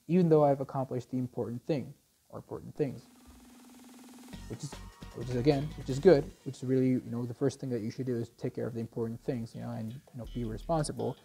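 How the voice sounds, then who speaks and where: A man's voice: medium pitch, gravelly, warm tone. A young man talking casually over gameplay, nervous, with a stutter and lots of restarts. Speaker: vlogger. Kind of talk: casual gaming commentary.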